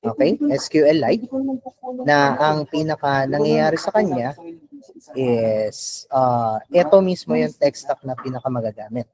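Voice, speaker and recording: A man's voice: mid-range voice, measured pace, crowd noise, low-quality recording. A man with a Filipino accent presenting a tech workshop to a live audience, explaining step by step with frequent fillers and "no?" check-ins. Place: event venue with live audience.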